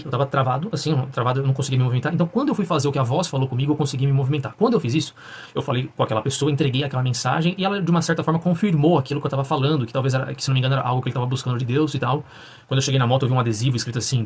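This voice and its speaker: A young man recounts his faith testimony in a husky, slightly breathy voice. He talks quickly and earnestly, often stopping and restarting his sentences as he searches for words. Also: medium pitch, darkish tone. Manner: earnest, halting, with frequent restarts and fillers. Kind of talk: personal testimony.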